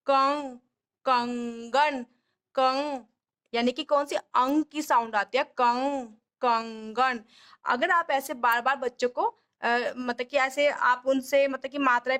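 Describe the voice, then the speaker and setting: A woman with a high, light voice teaches step by step, patiently sounding out each syllable again and again. She speaks like a home tutor guiding parents through a lesson. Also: a bit bright. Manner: patient, repeats sounds slowly and drawn out.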